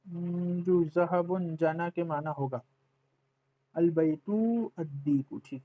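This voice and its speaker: A man's voice: fairly high pitch, little pitch movement, phone-quality sound. A man teaching Arabic letters in an online lesson, patiently repeating words and checking that his students follow.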